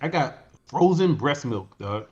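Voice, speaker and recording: A man trades jokes and teasing banter on a casual podcast. His pitch swings widely as he talks, from a mid-range base. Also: a little slow, muffled recording, heavy background noise. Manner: joking, teasing, lively banter. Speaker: podcast co-host.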